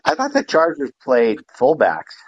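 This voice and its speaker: A man's voice: mid-range voice, wildly swooping pitch, moderate pace, breathy edge, no room sound. A man co-hosting a podcast, talking through a live football game in an easygoing way, asking questions and praising plays. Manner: easygoing, admiring, asks questions. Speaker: podcast co-host. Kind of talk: casual live game commentary. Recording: dry, dull lo-fi sound.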